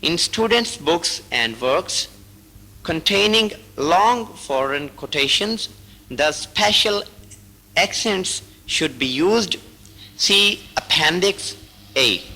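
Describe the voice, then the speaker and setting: A man with a fairly high, bright voice reads instructional rules aloud. He goes very slowly, pausing between short phrases like a patient teacher. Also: expressive, low-quality recording. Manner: slow, deliberate reading in short broken phrases. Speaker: teacher reading out braille rules. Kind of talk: slow instructional reading.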